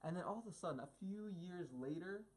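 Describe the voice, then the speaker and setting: An opinionated young man in a casual film chat, venting a pet peeve with emphatic asides. His voice sits a bit higher than most men's. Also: lively intonation, a little fast, a little mellow, poor audio. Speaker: co-host of a film review.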